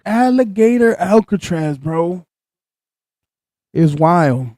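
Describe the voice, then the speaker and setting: A young man co-hosting a casual chat show, talking in an animated, excitable way and swearing freely. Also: high voice, slow pace, no echo. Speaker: co-host.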